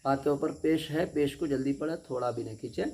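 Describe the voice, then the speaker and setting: This Quran reading lesson is taught by a man with a dark, mid-range voice who proceeds step by step. Patiently repeating each point, he keeps asking whether students understood and slows down to stretch out syllables in his demonstrations.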